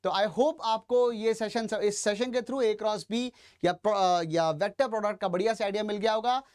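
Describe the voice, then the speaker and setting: A man's voice: high voice, moderate pace, darkish tone, clean tone. A male teacher giving a step-by-step classroom lecture at a board, addressing his students directly and slipping English phrases into his Hindi.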